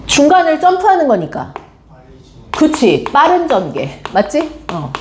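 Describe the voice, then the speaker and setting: A woman's voice: high voice, wildly swooping pitch, a little slow, a little hiss or hum. A woman teacher giving a classroom literature lecture, quizzing her students with frequent questions. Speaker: high school teacher.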